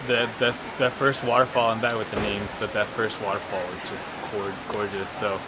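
A young man, a trail runner, answering interview questions outdoors in a relaxed, soft-spoken way. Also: on the low side, normal speed, very noisy. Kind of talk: post-race interview. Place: outdoors in a forest by a race course.

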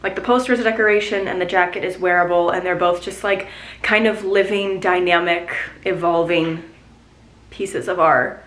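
A woman's voice: lowish voice, steady tone, moderate pace, fairly bright tone. Chatty young woman vlogging at home. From Virginia, US. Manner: chatty, rambling, lots of "like". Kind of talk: casual chatty vlog. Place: small bedroom at home, indoors. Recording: roomy, slightly distant home recording.

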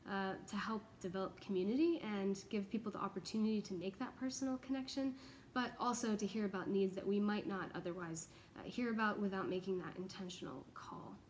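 A young American woman, a church pastoral associate, gives an informal video update in an earnest, explanatory way. Her medium-pitched voice moves fairly quickly. She's in a large open indoor office with exposed ductwork, and there's slight background noise.

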